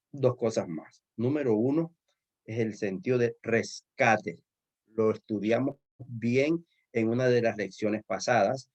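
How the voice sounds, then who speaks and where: Male pastor teaching bible study, earnest storyteller, mid pitch, dull lo-fi audio. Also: a little mellow. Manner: earnest storytelling, addresses listeners as brothers.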